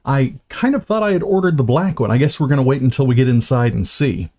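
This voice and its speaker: A man's voice: mid-range voice, lively intonation, fast, darkish tone, slight background noise. A man unboxing gear on a live stream, chatty and self-mocking, stumbling over words and starting lines again.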